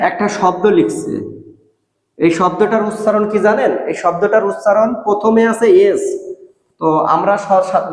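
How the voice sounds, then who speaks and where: A man teaching a language lesson, repeating each word and phrase slowly and asking and answering his own questions. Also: high-pitched. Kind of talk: explaining Russian grammar in Bengali. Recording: echoey room with long reverb.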